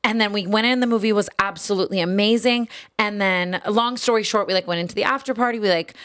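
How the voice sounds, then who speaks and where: A young woman co-hosting a podcast, telling a story in casual chat, rapid and full of fillers, acting out the voices she quotes. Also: medium pitch, a bit bright, smooth. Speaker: podcast co-host.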